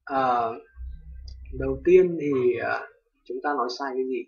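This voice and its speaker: A young man from Vietnam with a Vietnamese accent, casually teaching English pronunciation, hesitant with many fillers and loudly repeating example words. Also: medium pitch, measured pace, gravelly. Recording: distant lo-fi home recording.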